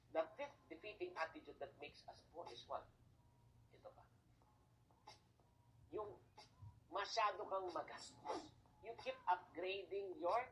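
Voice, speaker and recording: Poor audio with slight background noise carries a mid-range voice giving a motivational talk. With a Filipino accent, the speaker alternates Tagalog and English, raises rhetorical questions only to answer them, and chats with the listener by checking in.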